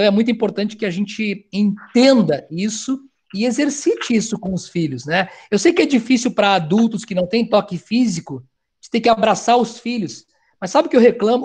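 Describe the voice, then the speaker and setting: Loud middle-aged guy, pretty high voice, talking to parents as a family counselor. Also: fairly quick, slightly rough. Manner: loud, animated, talks of speaking loudly. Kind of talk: talk to parents.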